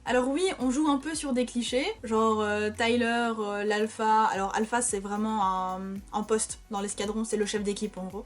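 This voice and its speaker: Young female book vlogger, upbeat and chatty, slightly high voice, light music underneath. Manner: chatty, enthusiastic, addresses viewers as "les gars". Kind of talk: casual book recommendations. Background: soft background music.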